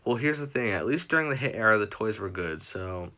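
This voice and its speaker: Young guy rambling on a livestream, bright kinda tense voice, lowish pitch, bit of hiss behind. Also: expressive, brisk. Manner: rambling, self-correcting, chatty fan talk. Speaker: livestream host. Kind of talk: casual livestream chat.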